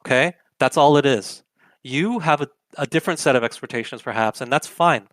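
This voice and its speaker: A man's voice: mid-range voice, a little fast, fairly bright tone, no room sound. A young adult man hosting an opinionated commentary show, arguing emphatically with lots of rhetorical questions. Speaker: political commentary host.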